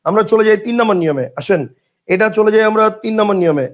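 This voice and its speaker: Teaching grammar online for exam prep, a man speaks a little fast in a voice that sits high, with a colloquial Bangladeshi Bengali accent. He chats, repeats rules as drills, makes sure students are following, and reads student questions aloud from the chat.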